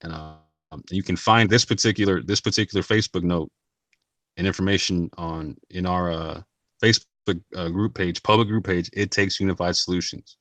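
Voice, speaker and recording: A man's voice: deep voice, steady tone, moderate pace, fairly bright tone, no room sound. A man talking casually and earnestly to his viewers, using slang and often repeating and restarting his phrases. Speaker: channel host. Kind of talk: casual talk to camera.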